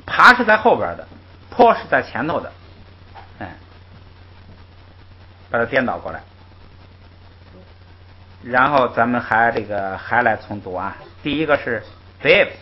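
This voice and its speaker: A man with a mid-range voice teaches a language class unhurriedly, with long pauses, explaining rules patiently and in a lively manner. He often interjects "ai" and models syllables for call-and-repeat drills. The lo-fi recording is muffled, with slight background noise.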